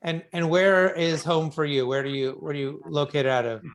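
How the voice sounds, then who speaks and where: A man hosting an interview show in casual conversation, feeling his way haltingly through his questions. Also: on the high side, steady tone. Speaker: radio show host and interviewer.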